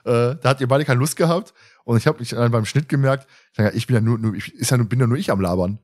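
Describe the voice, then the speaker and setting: Talking fast in a mid-range, slightly mellow voice, this man hosts a podcast in a relaxed, chatty style. He frequently laughs softly as he tells stories.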